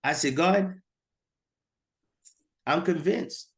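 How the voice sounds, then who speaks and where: A man's voice: fairly high pitch, drawn-out words. Earnest man telling his testimony. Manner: earnest, repeats words when stirred. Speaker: guest. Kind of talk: personal testimony.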